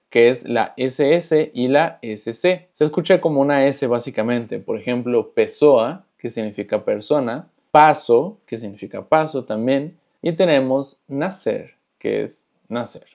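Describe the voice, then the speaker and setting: A man teaching an online language lesson, explaining patiently and repeating example words slowly to model their pronunciation. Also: medium pitch, a little mellow. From Latin America. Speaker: Portuguese teacher.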